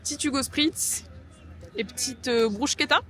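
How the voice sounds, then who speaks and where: Soft music plays behind a young woman from France whose voice sits high and a bit bright as she speaks a little slowly. In her casual handheld travel vlog, shot outdoors and in a hotel room by a lake, she's bubbly and chatty, full of "euh" and gushing "trop bon."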